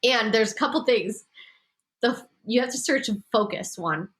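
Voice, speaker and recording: A woman's voice: on the high side, animated, unhurried, a bit bright. Upbeat congested woman giving writing tips. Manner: upbeat, emphatic, laughs often. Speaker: podcast host and writing coach. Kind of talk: casual advice talk to a group.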